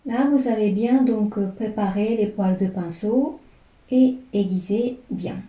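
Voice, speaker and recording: Slow, calm woman teaching calligraphy. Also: mid-range voice, roomy sound, rough recording. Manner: slow, calm, describing each stroke as she writes. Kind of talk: step-by-step brush lesson.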